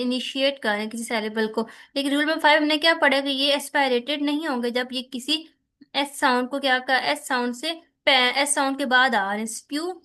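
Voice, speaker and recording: Woman teacher, online lecture, high-pitched, bright, explanatory, self-correcting. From Pakistan. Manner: explanatory, mixes English terms into Hindi, frequent fillers and self-corrections.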